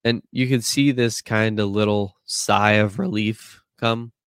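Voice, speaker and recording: A man's voice: on the low side, fairly even intonation, unhurried, clean tone, no echo. A man with a stuffy nose hosting a casual motivational podcast, talking earnestly in a rambling way with lots of fillers. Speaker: podcast host.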